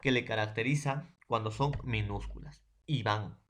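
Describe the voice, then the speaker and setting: A man's voice: fairly low pitch, normal speed, fairly bright tone. A man with a Peruvian accent teaching a secondary school language lesson, speaking in a repetitive way with frequent tag questions. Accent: Peruvian Spanish. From Peru. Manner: repetitive, keeps adding tag questions and "profesor". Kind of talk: remote class lecture.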